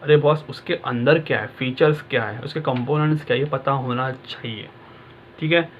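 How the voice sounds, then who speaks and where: A man's voice: medium pitch, normal speed, narrow, tinny audio, slight background noise. A male exam-prep tutor talking casually and directly to his students, in a conversational coaching manner.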